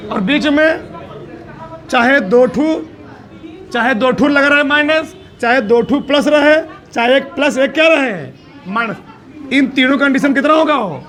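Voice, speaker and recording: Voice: sits high, a little slow, a bit bright, a faint crowd. A teacher giving a classroom maths lesson, asking the students question after question in a coaxing, teasing way.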